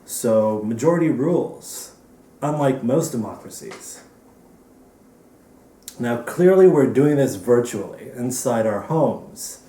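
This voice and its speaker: A man hosting a virtual awards ceremony from home, delivering a dry, deadpan comedic monologue. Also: medium pitch, slow pace, reverberant, recorded from a distance. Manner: dry, deadpan topical jokes. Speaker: festival director hosting an awards show.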